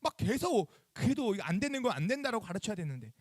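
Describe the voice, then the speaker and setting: A male youth pastor giving a sermon to middle schoolers, animated, acting out phone calls and quizzing the kids. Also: sits high, quick pace, dry recording, clean studio sound. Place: church chapel.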